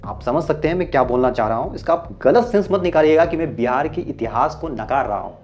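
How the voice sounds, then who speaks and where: A man's voice: fairly high pitch, lively intonation, fast talker, darkish tone, highs cut off, soft background music. A man from Bihar gives earnest commentary, asking rhetorical questions and mixing in English terms. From Bihar, India. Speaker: YouTube commentator. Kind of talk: explanatory social commentary.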